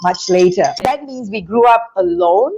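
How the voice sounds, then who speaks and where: A business school founder from Singapore, middle-aged, shares her life story as a guest on a video call, speaking into a lapel mic in a small room. Her mid-range voice is gravelly at a normal speed, the sound is lo-fi with slight background noise, and she gestures animatedly as she talks.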